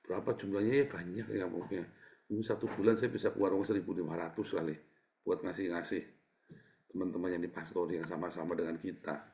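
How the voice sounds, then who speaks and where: A middle-aged man, a pastor, giving a casual, chatty sermon, often turning to his listeners and swinging from quiet asides to loud, emphatic bursts. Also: sits low, steady tone, fast, creaky. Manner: keeps addressing listeners as brothers and sisters.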